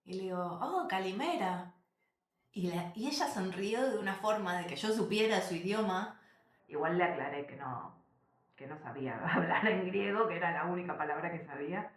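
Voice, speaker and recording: A woman, telling travel stories to camera as a vlogger, animated and emphatic, repeating phrases and addressing viewers directly. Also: on the low side, brisk. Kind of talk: casual storytelling to camera. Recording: roomy echo.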